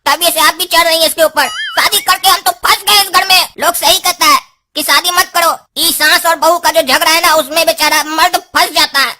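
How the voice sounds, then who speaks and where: A woman plays a young cartoon husband stuck between his wife and mother. His voice is high and bright, pleading and lecturing by turns. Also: fairly even intonation, normal speed.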